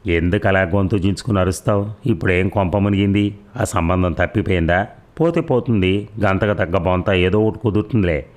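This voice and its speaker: A man's voice: deep voice, fairly even intonation, brisk, lightly acted. A man voicing a sarcastic young wife who answers with cold mockery in an audio story. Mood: mocking. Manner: mocking, dismissive.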